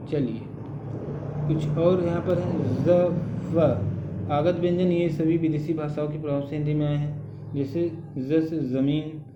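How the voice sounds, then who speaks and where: Slow, patient male grammar teacher. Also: fairly high pitch, fairly even intonation, background noise. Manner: slow, patient explaining with frequent "ठीक है" check-ins. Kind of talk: recorded Hindi grammar lesson. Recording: dull echoey room sound.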